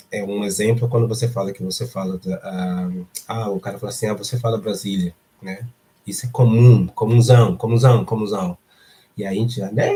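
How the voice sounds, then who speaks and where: A man's voice: lowish voice, dark tone, a little hiss or hum. A man from Brazil with a Brazilian Portuguese accent, hosting a casual live stream and stressing points by repeating words. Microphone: streaming setup.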